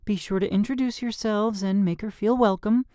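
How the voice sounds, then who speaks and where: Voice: mid-range voice, steady tone, moderate pace, mellow, no room sound, clean studio sound, pitched above the performer's own voice, close to an everyday voice. An audiobook narrator voicing a stern adult woman teacher, formal and commanding, in a raised voice. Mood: welcoming.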